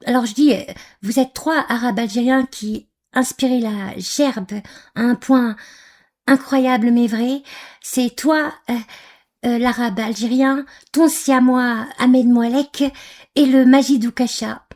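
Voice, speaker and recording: A woman's voice: on the high side, fairly even intonation, slow pace, a little mellow. A woman from Algeria giving angry, scornful reaction commentary on a video, with frequent hesitations. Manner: scornful, insulting, hesitant with many fillers.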